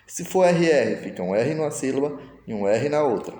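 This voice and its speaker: A man's voice: medium pitch, lively intonation, fairly quick, warm tone. A male teacher, patiently explaining a lesson step by step and voicing his students' questions himself. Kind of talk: recorded online lesson. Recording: echoey room with long reverb.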